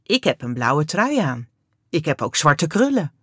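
A woman voicing a young boy in a children's story, speaking in a lively, slightly raised voice. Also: sits low, a little slow, breathy edge, no echo, studio quality, full character voice. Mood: cheerful. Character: young boy, cheerful then sulky and angry.

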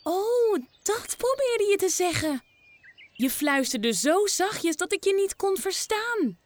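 A woman's voice: very high voice, very animated, slow pace, voice pushed up, exaggerated voice. A woman voicing a playful, teasing little girl in a children's story. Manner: teasing, bold.

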